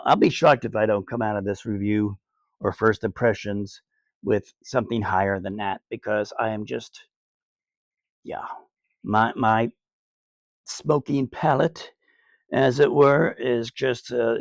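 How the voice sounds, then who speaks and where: A man with a gravelly, creaky voice talks slowly and loosely through a cigar review, full of fillers and crude asides. He is recorded close and dry outdoors, and the sound has very little echo. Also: lowish voice. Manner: laid-back, rambling, crude jokes, many fillers. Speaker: cigar reviewer, channel host. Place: outdoors on a sunny day.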